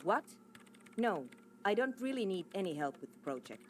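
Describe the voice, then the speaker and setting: An actress playing a proud, exasperated programmer in a video game, curt, insistent and defensive. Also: female voice, mid-range voice, sing-song, normal speed. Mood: guarded, brusque. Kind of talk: scripted video game dialogue.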